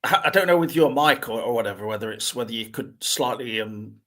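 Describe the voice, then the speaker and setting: A man's voice: medium pitch, animated, fairly quick, fairly bright tone. A middle-aged man co-hosting a casual chat, speaking in a hesitant, rambling and thoughtful way.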